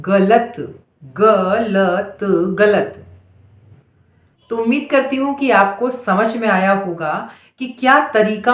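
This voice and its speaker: Slow, patient woman dictating letters. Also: medium pitch, echoey room. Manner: patient, spells out each letter and repeats words slowly. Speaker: teacher.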